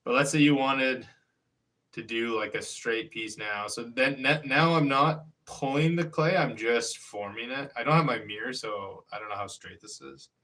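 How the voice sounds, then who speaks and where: Bright and forceful in tone, a man in his thirties uses a mid-range voice at normal speed as he casually live-streams his pottery-wheel work. He rambles and hesitates while explaining each hands-on step, and his voice is captured from a distance.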